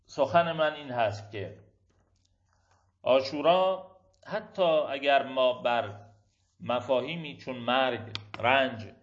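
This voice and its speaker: A man giving a reflective religious lecture, rhetorical and emphatic, building his points through repeated phrases and questions. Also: medium pitch. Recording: dull lo-fi recording.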